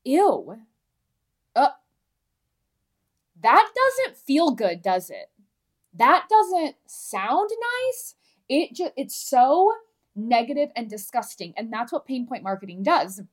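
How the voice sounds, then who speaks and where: With a slightly high, sing-song voice, she speaks at a slow pace and leaves long pauses. This woman, a podcast host and marketing coach with a lisp, gives candid solo podcast talk that's frank, emphatic, and conversational, with plenty of free swearing.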